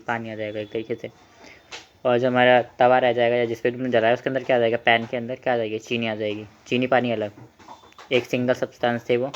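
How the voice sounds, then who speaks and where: A young man teaches a chemistry lesson, pausing to write and often asking his students questions. He repeats the key terms over a light background hiss. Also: mid-range voice, highs cut off. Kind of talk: chemistry lesson while writing on a board.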